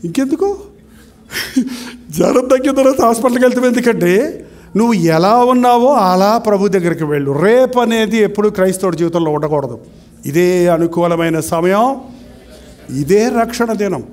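A man's voice: high-pitched, animated, normal speed, pauses often, darkish tone. A middle-aged male pastor preaching a sermon, firing off rhetorical questions and acting out quotes.

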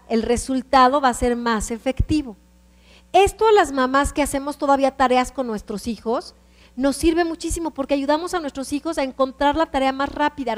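Female instructor, Mexican accent, high-pitched, patient step-by-step classroom delivery, reverberant room. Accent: Mexican Spanish. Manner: explains step by step, checks in with the class often. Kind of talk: classroom teaching.

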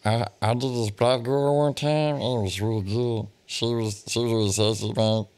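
A man in casual podcast chat, telling crude stories in a halting way. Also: mid-range voice, steady tone, darkish tone.

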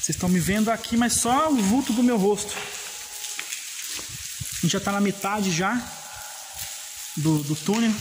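A man's voice: sits high, unhurried, long pauses, background noise. Man in an echoing tunnel. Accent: Brazilian Portuguese. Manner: chatty, repeats himself, calls viewers "pessoal". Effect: echo of a long dark rock tunnel. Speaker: explorer vlogger. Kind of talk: casual walk-through commentary to viewers. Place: inside an old railway tunnel with dripping water. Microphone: handheld camera, front camera at times.

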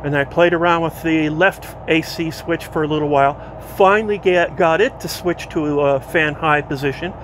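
A man narrating his own repair work in a relaxed, rambling way, thinking aloud with fillers and self-corrections, recorded inside an old motor coach. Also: on the high side, normal speed, hardly any pauses. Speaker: DIY vlogger restoring a vintage motorhome. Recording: steady background hum, noisy.

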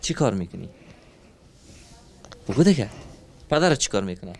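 A man, hosting a street interview with working children and asking them questions in a gentle, coaxing, soothing way full of endearments. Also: lowish voice, very animated, vocal fry. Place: street outdoors.

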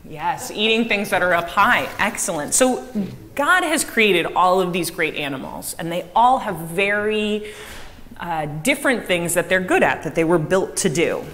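A woman giving a children's message in a church service, asking the kids lively questions and echoing back their answers. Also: fairly low pitch, moderate pace. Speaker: director of faith formation giving a children's message. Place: church sanctuary with a choir. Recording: long church reverb, faint room noise.

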